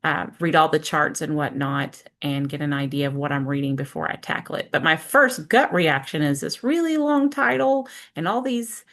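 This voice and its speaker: Low-pitched and fairly bright, a woman teacher's voice runs at a moderate pace with few pauses as she leads a casual screen-share walkthrough. She thinks out loud in steps, conversationally questioning herself and checking in along the way.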